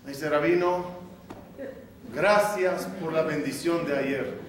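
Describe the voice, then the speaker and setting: A man, a rabbi, telling a story in a sermon, acting out the dialogue with lively energy. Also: on the high side, takes it slowly. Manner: animated storytelling, acts out dialogue. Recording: echoey room from a distant mic, faint noise.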